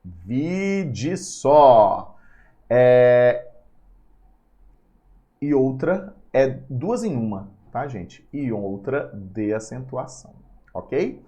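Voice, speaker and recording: A man's voice: medium pitch, slow, lo-fi sound. A man teaching an exam-prep grammar lesson, playful and chatty, often talking to himself. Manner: lively, playful, talks to himself.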